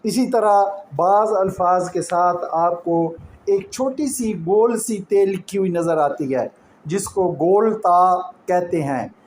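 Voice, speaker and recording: Male Quran teacher with a Pakistani Urdu accent, high voice, slow and patient delivery, echoey room with faint background noise. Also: darkish tone. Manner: patient, explains step by step with examples. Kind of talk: slow explanatory lesson.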